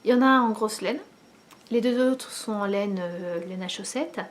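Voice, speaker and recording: A woman, likely in her thirties, chatting casually to the camera at home as host of a knitting video, pausing often with many fillers. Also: mid-range voice. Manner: hesitant, many pauses and fillers.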